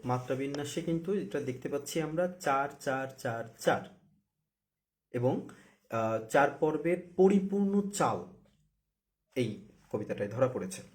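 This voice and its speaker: Patient man teaching recitation rhythm. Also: medium pitch. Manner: patient, explains step by step, drawn-out syllable counting. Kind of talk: spoken tutorial lesson.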